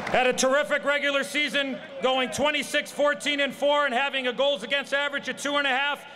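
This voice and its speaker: A man working as master of ceremonies at an outdoor championship rally, booming out introductions and drawing out each name he builds up to. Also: little pitch movement, fairly quick. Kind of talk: rally announcing, drawn-out player introductions. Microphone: public address microphone. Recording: loud outdoor PA with crowd noise. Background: cheering crowd.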